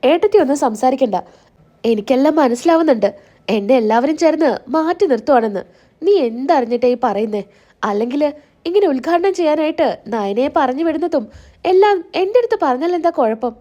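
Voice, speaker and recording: Woman narrator voicing an indignant middle-aged mother, reproachful, protesting, high, mellow. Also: lively intonation, brisk.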